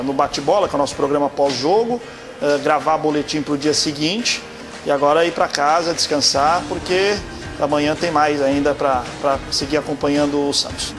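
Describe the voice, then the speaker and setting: A man's voice: fairly high pitch, moderate pace. Brazilian sports reporter, man, over music. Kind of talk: casual spoken account.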